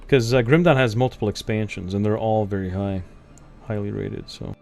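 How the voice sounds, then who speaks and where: A man's voice: lowish voice, fairly quick, creaky, a little mellow, soft background music. A man streaming a game, chatting casually with viewers in a blunt, rambling way, often laughing and swearing. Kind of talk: casual chat while gaming.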